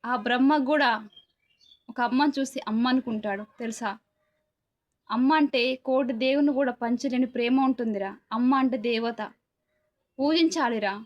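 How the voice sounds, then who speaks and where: High-voiced woman in a scolding rant. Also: moderate pace, long pauses. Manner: scolding, preachy, repetitive rhetorical questions. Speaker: commentator. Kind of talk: angry moral rant to camera. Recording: dull lo-fi sound.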